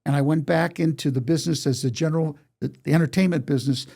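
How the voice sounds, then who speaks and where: This interview guest is an eighty-something songwriter and storyteller who recounts his life in conversation, quoting exchanges he remembers. He talks fast with fairly even intonation, and his voice runs on the high side, creaky and dark.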